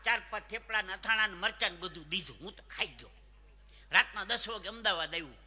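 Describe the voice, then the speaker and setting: Bright high male comedian. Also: fast talker. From Saurashtra, Gujarat. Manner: animated joke-telling, punchlines. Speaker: folk comedian. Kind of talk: live stand-up storytelling. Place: stage at a live event. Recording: echoey hall reverb.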